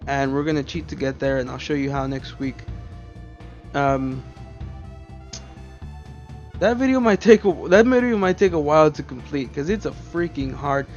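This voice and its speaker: A man's voice: a little high, expressive, moderate pace, pauses often, darkish tone, lo-fi sound, faint music behind. A man hosting a let's play, rambling and swearing freely as he gets frustrated with the game. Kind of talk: casual gameplay commentary.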